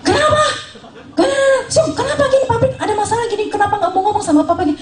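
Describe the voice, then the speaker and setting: A woman voicing her elderly father-in-law, shrill and alarmed, firing off rapid questions. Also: sing-song, a little mellow. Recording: roomy, distant mic.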